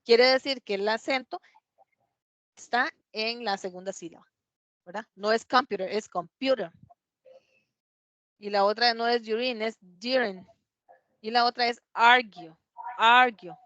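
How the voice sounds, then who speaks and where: A woman gives a classroom lesson on English pronunciation, checking in with her students again and again. Her voice sits a little high and dry, with a dull, muffled sound. She stretches out example words slowly so the class can copy them. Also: fairly even intonation, fairly bright tone, no echo. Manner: patient, explains step by step, asks "¿verdad?" often. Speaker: English teacher.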